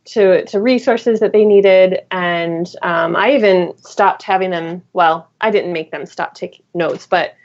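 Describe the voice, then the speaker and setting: A woman's voice: lowish voice, measured pace, few pauses, darkish tone. A woman teacher and guest author in a casual podcast conversation, thinking aloud with fillers and restarts. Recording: dull lo-fi recording.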